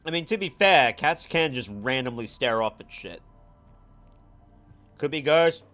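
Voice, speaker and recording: A man's voice: mid-range voice, animated, a little slow, a bit bright. Male streamer, blunt and casual, mid-range voice, reacting off the cuff over music. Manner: blunt, sweary, offhand.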